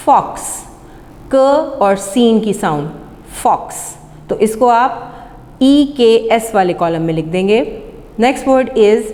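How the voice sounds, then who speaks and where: Female teacher with a Pakistani accent, slow and deliberate, long reverb on the recording. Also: on the high side, a little mellow. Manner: slow, deliberate sounding-out of words. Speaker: English teacher. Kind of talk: classroom lesson on pronunciation.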